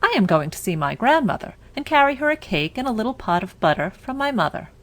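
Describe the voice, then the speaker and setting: A woman's voice: fairly high pitch, sing-song, quick pace, fairly bright tone, voice pushed up. A woman voicing an innocent, trusting little fairy-tale girl in an earnest, wide-eyed, singsong manner. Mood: innocent, eager.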